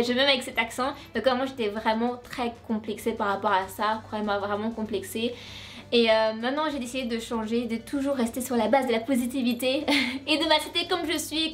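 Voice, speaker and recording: A young woman from France telling her story to camera in a casual vlog, chatty and full of restarts and asides. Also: a little high. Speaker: vlogger.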